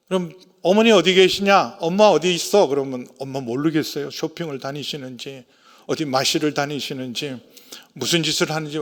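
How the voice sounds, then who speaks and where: A middle-aged male senior pastor preaching a sermon in a church, lively, acting out parents and children in quoted voices. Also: a little high. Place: church sanctuary. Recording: long hall reverb.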